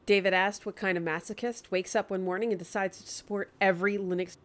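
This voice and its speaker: A woman's voice: medium pitch, steady tone, fast. A woman co-hosting a tech podcast, making dry, joking asides in a scripted intro and in casual chat. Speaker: podcast co-host.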